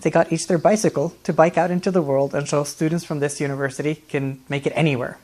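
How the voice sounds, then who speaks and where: A man, answering interview questions in a friendly, relaxed way, often laughing and pausing with fillers. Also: a little high. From Norway. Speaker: guest, dance artist.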